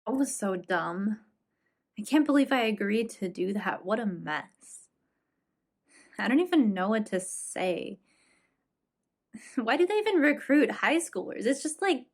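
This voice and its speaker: A woman playing a wary, frustrated seventeen-year-old non-binary teen who talks hesitantly with quick fillers, in an indie audio drama. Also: medium pitch. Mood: exasperated.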